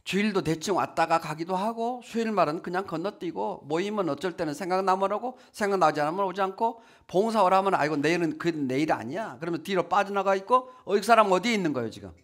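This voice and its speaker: A man's voice: high-pitched, fast talker, hardly any pauses. A man preaching a sermon at a church, often asking the congregation questions and acting out the people he quotes. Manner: lively, asks the congregation questions, acts out quotes. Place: church hall.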